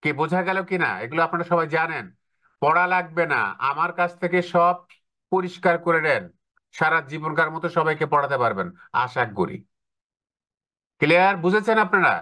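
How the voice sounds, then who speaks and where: A man's voice: a little high, animated, brisk, bright, forceful tone. A man teaching an online class, often checking with rhetorical questions. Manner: explains with rhetorical questions to students.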